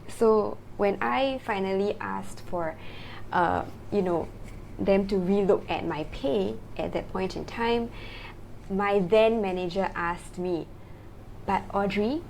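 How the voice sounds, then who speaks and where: A woman's voice: mid-range voice, darkish tone, a little hiss or hum, poor audio. Chatty woman from Singapore. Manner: chatty, uses many fillers and tag questions. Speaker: guest, copywriting founder. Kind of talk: casual interview talk.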